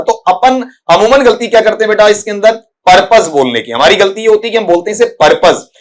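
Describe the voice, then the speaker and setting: A man teaching English pronunciation in an online exam-prep lesson, repeating himself often and addressing students fondly as "beta". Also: on the high side. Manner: repetitive filler-laden explaining, calls students "beta".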